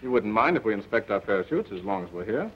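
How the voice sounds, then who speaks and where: An actor playing a witty, upper-class gentleman adventurer in a 1930s film, speaking briskly and dryly. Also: lowish voice, sing-song. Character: dashing gentleman adventurer in love. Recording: dull old film soundtrack with hiss.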